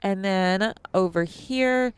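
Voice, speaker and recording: Speaking at a slow pace in a mid-range voice, a young adult woman hosts a let's-play for her gaming channel. She chats casually with viewers, full of ums and restarts, and her nose seems a little stuffy. There is slight background noise.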